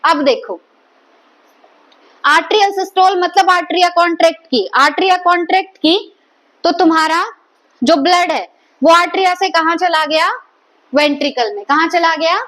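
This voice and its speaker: A woman's voice: very high-pitched, normal speed, long pauses, fairly bright tone. A woman teaching a biology lecture, repeatedly quizzing her students and echoing their answers. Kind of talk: classroom lecture.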